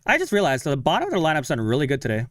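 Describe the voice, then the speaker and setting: A man's voice: a little high, wildly swooping pitch, dry recording, studio quality. A young man chatting casually on a live stream while following a game, talking to himself and his viewers. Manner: chatty, self-talking, sighs of frustration and quick laughs.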